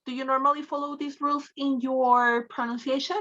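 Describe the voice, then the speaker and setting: A woman's voice: sits high, flat delivery, a little fast, a bit bright, lo-fi sound. A woman English teacher giving an online class, encouraging and prompting her students with repeated questions.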